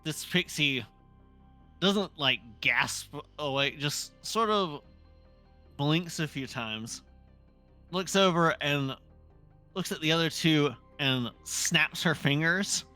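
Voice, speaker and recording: Tabletop game master, mid-pitched and bright, improvised narration, unhurried with pauses mid-sentence. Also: animated, soft background music.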